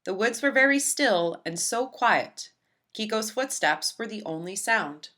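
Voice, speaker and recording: A woman reads a children's picture book aloud with expressive storytelling, her fairly high voice taking an unhurried pace.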